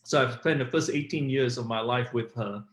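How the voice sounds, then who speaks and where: A middle-aged Malaysian man, appearing as an interview guest, tells his personal story in a conversational way. He speaks at medium pitch and normal speed over an online call that sounds roomy and echoey.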